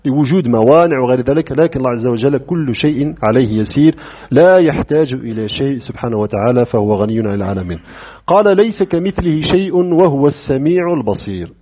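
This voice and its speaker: Speaking fast at a medium pitch, this male religious teacher delivers a lively creed lecture full of rhetorical questions and acted-out exchanges. It comes through a thin, phone-like lo-fi recording.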